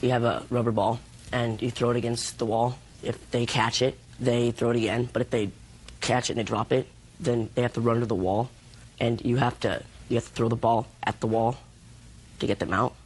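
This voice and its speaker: A man's voice: medium pitch, flat delivery, brisk, husky, low-quality recording. A sixteen-year-old boy giving slightly hesitant testimony as a plaintiff in a TV court. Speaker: injured teenage plaintiff in a TV court.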